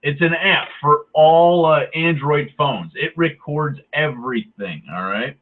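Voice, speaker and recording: A man's voice: fairly high pitch, a little slow. A man in a heated, profane, sarcastic rant, speaking his mind to the camera. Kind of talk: angry ranting monologue. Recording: tinny phone-like audio.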